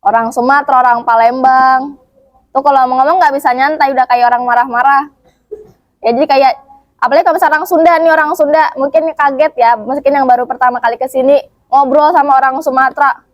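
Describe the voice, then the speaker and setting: A woman's voice: high-pitched, steady tone, quick pace, no echo, muffled recording. A young woman student teaching a casual Quran commentary lesson at a boarding school, chatty, full of fillers and rhetorical questions. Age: young adult.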